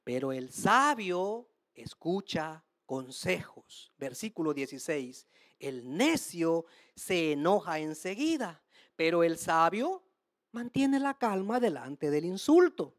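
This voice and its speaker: A woman preacher delivers a sermon with a lively, swooping delivery. She presses her listeners with rhetorical questions and calls them brothers and sisters. The sound is close and dry. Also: fairly low pitch, takes it slowly, no room sound. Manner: addresses the audience as brothers and sisters; streams to listeners online.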